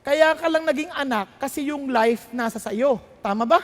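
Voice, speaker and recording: High-pitched preacher in a reverberant hall. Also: male voice, normal speed, fairly bright tone. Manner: emphatic, conversational preaching with asides to the congregation. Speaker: pastor. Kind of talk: sermon.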